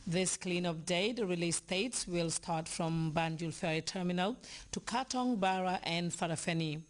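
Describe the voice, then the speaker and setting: A woman with a Gambian accent reading the news as anchor, steady and formal. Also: on the low side, moderate pace.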